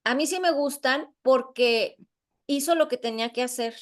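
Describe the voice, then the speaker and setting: Telling an anecdote in class, a middle-aged course instructor brings the story to life by performing the dialogue in an animated way. She speaks with a high-sitting voice at a normal speed.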